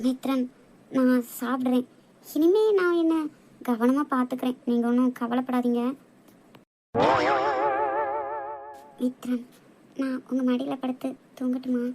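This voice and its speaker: A woman voicing a fearful, secretive young wife in a cartoon drama, soft-spoken, pleading and evasive. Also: high voice, steady tone, brisk, a little hiss or hum, close to an everyday voice. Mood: tender.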